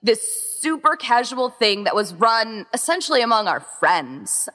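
A woman who co-founded an event chats informally as a podcast interview guest, using "like" constantly. Her fairly high voice is very animated, a little slow and a bit bright, with a long reverb tail.

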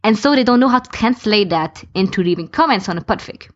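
On a dull lo-fi recording, a woman with a mid-range, expressive voice talks fast in a casual podcast discussion. A fan podficker, she gives her opinions and backs them up with lists of examples.

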